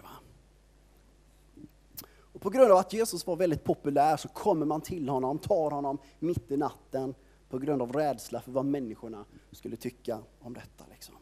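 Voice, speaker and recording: A man's voice: mid-range voice, mellow. A man preaching an informal sermon, retelling a Bible story in a conversational storytelling way and leaning heavily on filler words.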